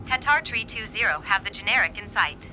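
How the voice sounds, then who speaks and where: A woman's voice: medium pitch, lively intonation, fairly quick, noisy background, lightly acted. A woman playing a businesslike airline pilot, giving clipped radio readbacks in a flight game.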